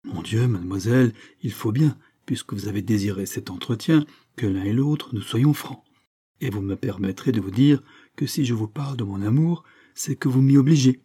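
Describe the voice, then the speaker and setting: A man reading the part of a calm, proud aristocratic suitor who speaks in a courtly, composed way. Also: mid-range voice, moderate pace, slightly rough, natural voice. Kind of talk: audiobook reading.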